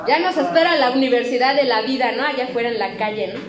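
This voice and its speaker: A woman's voice: high-pitched, quick pace, echoey room, a crowd in the background, poor audio. A middle-aged woman with a Mexican accent, a psychologist giving a blunt, emotional testimony to a recovery group. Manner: blunt and profane, emotional storytelling. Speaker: psychologist speaking at a recovery clinic. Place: meeting room at a rehab clinic.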